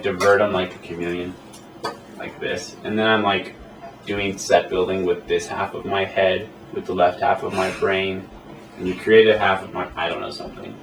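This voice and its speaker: Low-voiced man rambling in an echoey room. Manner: rambling, self-amused storytelling. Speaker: animator interviewee. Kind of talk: casual interview chat. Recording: echoey room, mic at a distance, faint hiss.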